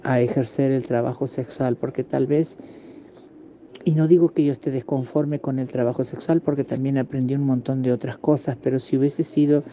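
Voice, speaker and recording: A man in his fifties with an Argentine accent, recounting a personal memory in halting testimony with pauses and restarts. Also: medium pitch, steady tone, warm tone, lo-fi sound, a little hiss or hum. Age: 50s. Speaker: interviewee giving testimony.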